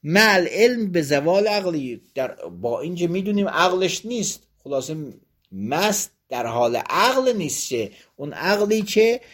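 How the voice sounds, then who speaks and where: Husky man giving a seminary lecture. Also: sits high, big pitch swings, fairly bright tone. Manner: reads passages aloud, then explains them plainly point by point. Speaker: religious law teacher. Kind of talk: seminary lecture, reading and explaining a text.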